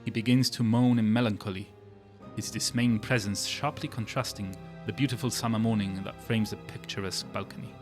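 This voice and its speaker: A man with a fairly low voice acts as game master, narrating scenes descriptively for a tabletop game. Soft music plays underneath. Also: fairly even intonation, fairly quick.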